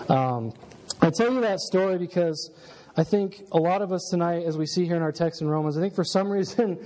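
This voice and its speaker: A man's voice: fairly high pitch, darkish tone. A man in his late twenties giving a casual sermon, opening with a self-deprecating childhood story before turning to scripture. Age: 20s.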